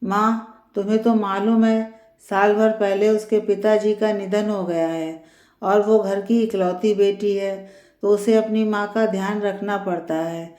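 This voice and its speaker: Woman voicing a calm, tired young husband. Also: mid-range voice, a little slow, roomy sound, natural voice. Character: tired, reasonable young married man.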